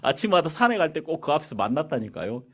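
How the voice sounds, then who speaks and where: A man's voice: on the high side, fast. A male pastor preaching in a church, telling a story with acted-out dialogue. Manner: animated storyteller acting out dialogue. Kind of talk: sermon with storytelling. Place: church sanctuary.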